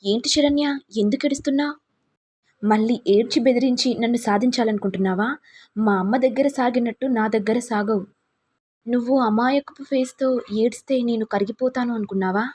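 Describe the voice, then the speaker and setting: A woman's voice: a little high, fairly quick, darkish tone, husky. A woman voicing an angry young husband who taunts and accuses his wife. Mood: taunting.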